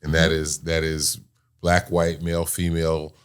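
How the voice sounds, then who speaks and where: A man with a very deep voice hosts a relaxed talk show. He is jovial and steers his guests with questions. His tone is easy and conversational. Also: a little slow, clean tone. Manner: jovial, asks probing questions. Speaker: host. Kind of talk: casual talk show interview.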